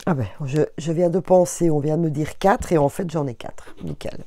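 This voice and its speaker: A woman's voice: sits low, moderate pace, warm tone, a little hiss or hum. A woman with a Belgian French accent giving a casual astrology card reading, speaking straight to her viewers with many fillers and restarts. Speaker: tarot reader.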